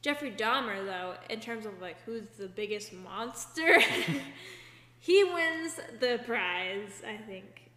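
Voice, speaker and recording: A woman's voice: medium pitch, lively intonation, slow, bright, forceful tone. Chatty young woman in an echoey room. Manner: chatty, many fillers, rambling retellings. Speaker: podcast co-host. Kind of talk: casual chat. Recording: echoey room with long reverb, faint hum.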